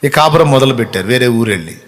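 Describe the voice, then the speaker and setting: A man's voice: mid-range voice, animated, fast, fairly bright tone. A man preaching a devotional sermon, telling a story with pity and acting out the people in it. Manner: tells a parable with pity, acting out quoted voices.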